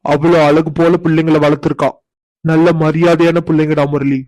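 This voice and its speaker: A man's voice: on the high side, flat delivery, fairly quick, a little mellow, no room sound, close to an everyday voice. A man voicing several middle-aged brothers in a cartoon, pleading and emotional as they ask their sister for forgiveness. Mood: warm. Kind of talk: cartoon voice acting.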